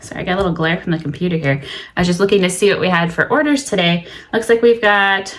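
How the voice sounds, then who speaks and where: A woman's voice: on the low side, fast. A woman in her thirties, a small business owner, chatting cheerfully in a vlog from her home studio, a little stuffy-nosed. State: stuffy nose. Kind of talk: casual vlog narration.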